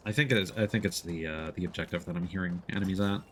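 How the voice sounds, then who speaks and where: A deep-voiced man speaks fast while commenting casually on his gameplay during a stream. His thinking-aloud is hesitant, and clear game noise sits behind him.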